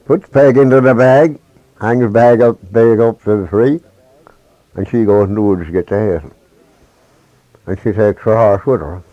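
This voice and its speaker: A man with a low, dark, mellow voice tells a traditional folk tale in halting dialect speech, restarting his sentences as he goes. The sound is dry and close, on a dull lo-fi recording. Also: no echo. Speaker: storyteller.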